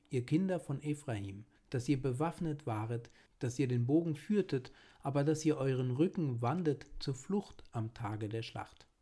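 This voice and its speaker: Dark-toned man reading a solemn sermon. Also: mid-range voice. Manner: earnest, pleading, exhorting.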